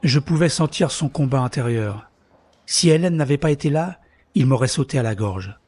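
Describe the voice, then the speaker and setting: A man's voice: mid-range voice, animated, normal speed, no room sound, lightly acted. A man narrating his own story in the first person in an audio drama, bitter and introspective. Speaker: narrator and lead character. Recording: soft music underneath.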